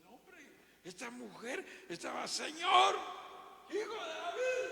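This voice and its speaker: A Guatemalan man preaches a sermon in a slow, fervent and halting way. His voice is gravelly and slightly higher than usual, with a sharp tone. It echoes through a church hall over a faint hiss. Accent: Guatemalan Spanish. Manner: fervent, halting, keeps addressing listeners as brother.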